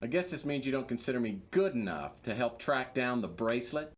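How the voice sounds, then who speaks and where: A man's voice: medium pitch, animated, fairly quick, in a large hall, natural voice. An actor playing a wisecracking hard-boiled male detective, narrating in a dry, sardonic noir style. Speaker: game narrator and lead character. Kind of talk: 1990s game voice acting.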